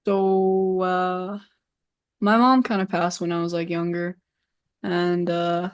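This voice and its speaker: A woman in her twenties from the San Francisco Bay Area, a native Cantonese speaker, chats as a streamer guest in a casual interview. Her voice is fairly low, level, slow and clean. She sounds hesitant, saying "like" a lot and trailing off.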